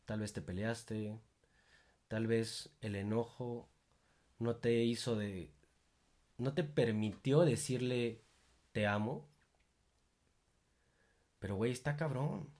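A man's voice: medium pitch, slow pace, long pauses, a little mellow. A young man with a Mexican accent hosting a reflective monologue, informal and full of swearing, rising into emphatic bursts. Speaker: podcast host.

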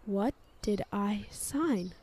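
A woman's voice: high voice, animated, no echo, heavily acted. A woman playing a frightened, wary young woman in danger in a horror audio drama, speaking hesitantly. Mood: uneasy. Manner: hesitant, halting.

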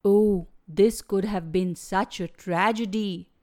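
A woman's voice: mid-range voice, fairly even intonation, slow pace, a little mellow, lightly acted. A woman doing a bragging storybook fox. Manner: wailing, then boastful. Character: bragging, chest-puffing fox.

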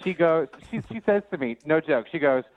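A man's voice: a little high, animated, brisk, noisy background. A man in his late twenties, calling into a radio show and telling his story in a sheepish, rambling way over the phone. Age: late 20s. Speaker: caller. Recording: tinny phone line, dry.

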